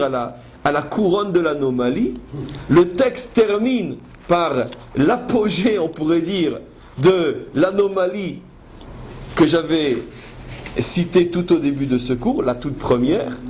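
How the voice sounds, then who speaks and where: A rabbi's Torah class is captured in a noisy live recording, where he lectures on scripture with an emphatic, instructive manner and rhetorical questions. His slow, animated voice leans high and has a slightly mellow quality. French carries the talk, broken up by Hebrew verses he quotes.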